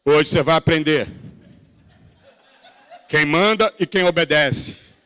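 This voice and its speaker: Man puts on a strict Portuguese father, middle-aged, curt orders, high-ish voice, echoey church. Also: slow pace, sharp tone, clean tone. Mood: stern. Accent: Portuguese put-on.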